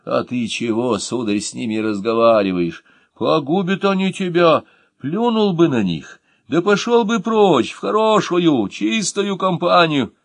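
A man voicing an old peasant nanny woman who scolds loudly in a folksy way, in an audiobook. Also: a little high, expressive, a little slow, no room sound, voice pushed up. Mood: grumbling. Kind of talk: audiobook character voice.

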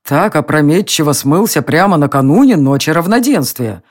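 A woman's voice: deep voice, lively intonation, normal speed, a little mellow. A woman voicing an exasperated elf king who grumbles and hastily placates his wife in a storybook reading. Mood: gruff.

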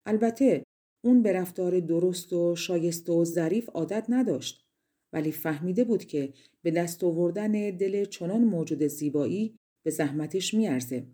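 A woman from Iran narrating a fairy tale audiobook in a measured storytelling manner. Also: fairly low pitch, mellow.

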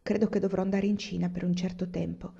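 Storybook husband, quiet and measured, husky , voiced by a woman. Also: fairly low pitch, little pitch movement. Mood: cautious. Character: young husband, cautious, gentle and firm. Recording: dull lo-fi recording.

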